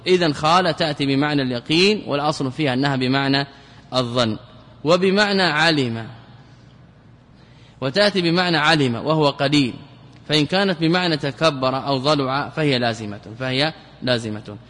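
A man's voice: fairly high pitch, fairly bright tone. A man, a sheikh, teaching a classical Arabic grammar lesson, repeating key terms and asking and answering his own questions. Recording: long hall reverb.

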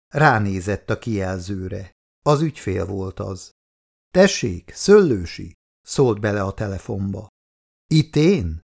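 A man reading a novel aloud as an audiobook narrator, with expressive, animated delivery. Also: on the low side.

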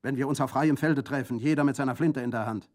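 A man's voice: mid-range voice, fast talker, pitched above the performer's own voice, close to an everyday voice. A man reading a novel aloud, voicing a hot-headed young man who angrily denies accusations. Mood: defiant. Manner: loud, defiant. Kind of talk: audiobook reading.

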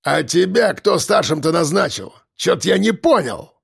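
A surly, short-tempered tough guy, as a male storyteller plays him, speaking in a curt growl with a gravelly rasp. The recording is dry and close, like a studio audiobook. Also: sits high, expressive, normal speed, dry recording, pitched above the performer's own voice, exaggerated voice. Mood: challenging.

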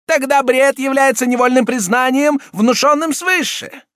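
A man voicing a wrathful, scheming elderly Italian cardinal who shouts and hectors. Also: extremely high pitch, normal speed, dry recording, studio quality, pitched above the performer's own voice. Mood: furious.

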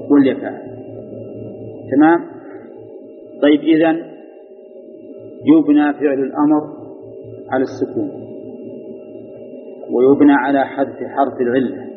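Man teaching in a reverberant hall. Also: mid-range voice. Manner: drills students with questions and repeats rulings. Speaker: teacher of Arabic grammar. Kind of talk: classroom grammar lesson. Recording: phone-like sound with long hall reverb.

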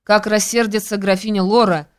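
A woman voicing an excitable, anxious young friend, exclaiming her lines in an audiobook. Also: medium pitch, normal speed, smooth, lightly acted. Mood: excited. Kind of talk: audiobook character reading.

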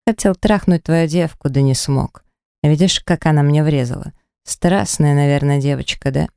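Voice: medium pitch, normal speed, creaky, dark tone, clean tone, no echo, studio quality, lightly acted. A narrator voicing a drunk, insolent rich young man who sneers and mocks, in an audiobook. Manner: sneering, mocking, slurred. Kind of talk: audiobook character voice.

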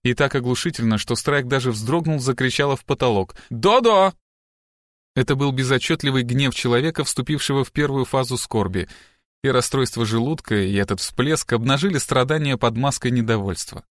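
A man reading a novel aloud as audiobook narrator in an even, measured way. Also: medium pitch, dry recording, studio quality. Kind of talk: scripted narration.

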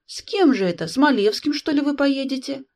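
A woman's voice: sits high, expressive, brisk, darkish tone, pitched above the performer's own voice. A woman reading aloud, voicing a stern, jealous young army officer who grumbles. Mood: gruff. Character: gruff jealous young male hussar.

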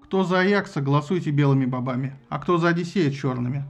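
A man's voice: a little high, quick pace. A man voicing a flustered male king who mutters and gives orders in an audiobook. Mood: deciding. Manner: muttering, hesitant, then commanding. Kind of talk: audiobook character voice.

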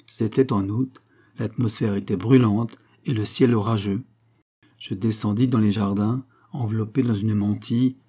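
Dark-voiced male audiobook reader. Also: mid-range voice, husky. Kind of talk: audiobook narration of a classic novel.

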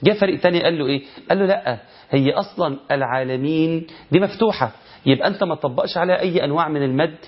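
Egyptian male teacher, fairly high voice, patient explainer of recitation rules, dull lo-fi sound. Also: husky. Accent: Egyptian Arabic. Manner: explains with rhetorical questions, chants verse examples slowly. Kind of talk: tajweed lesson.

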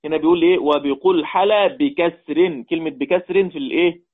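Speaking with an Egyptian Arabic accent, a man gives an online Quran recitation lesson, explaining readings, repeating points, and quizzing his students. His voice is on the high side and fairly quick, heard over a tinny, phone-like line.

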